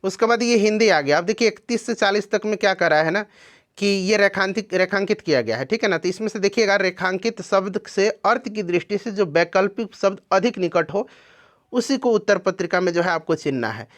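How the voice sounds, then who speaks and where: A man with a fairly high voice walks students through exam questions one at a time. He explains each answer patiently and keeps checking in with his listeners. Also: lively intonation, brisk, a bit bright. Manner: explanatory, repeats "ठीक है ना" to check in. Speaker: exam coaching teacher.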